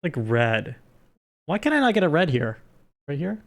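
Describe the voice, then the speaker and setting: A man's voice: fairly high pitch, sing-song, normal speed. A man streaming live, recapping a story in a rambling, joking way. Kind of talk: casual live-stream chat.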